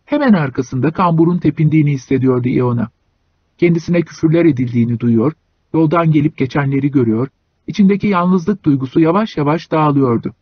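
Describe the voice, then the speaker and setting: A man reading a short story aloud as an audiobook narrator, in a measured storytelling manner. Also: fairly high pitch, slightly rough, no room sound, dull audio. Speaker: audiobook reader.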